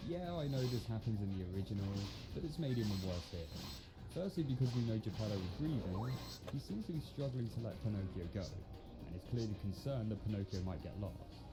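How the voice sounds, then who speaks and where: A man gives a scripted film review. He sounds sarcastic and incredulous, with lively pitch movement, and music plays clearly behind him. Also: fairly quick, low-quality recording. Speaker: video commentator and film critic.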